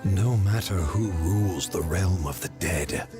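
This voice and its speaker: An actor voicing a grim, menacing lord of the dead in a video game, solemn and declamatory. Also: male voice, low voice, unhurried, over music. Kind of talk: video game character line.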